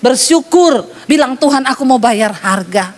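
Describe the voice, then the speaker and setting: A woman pastor preaching a sermon with a lively storytelling manner, teasing her congregation. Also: high voice, measured pace.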